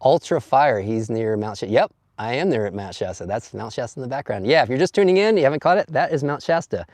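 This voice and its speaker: Out at a campsite in bright sun, a man streams live through his phone, reading comments, calling viewers by name, and laughing freely. He's an expressive, fast-talking vlogger with a slightly hoarse, mid-pitched, a little mellow voice, captured close and dry without any room echo.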